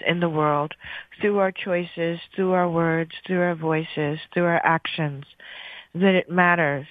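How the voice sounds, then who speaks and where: A woman leads a guided breathing meditation at a very slow, calm pace, her voice set a little low. She gives gentle instructions over a thin, phone-like line with a dry, close sound. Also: no room sound. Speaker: host leading a guided meditation.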